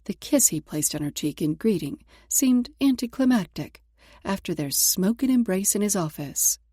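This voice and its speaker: A woman's voice: medium pitch, expressive, normal speed, mellow, slightly rough, no echo, clean studio sound. A woman narrating romance fiction from a script in a sultry, intimate storytelling manner. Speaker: audiobook narrator.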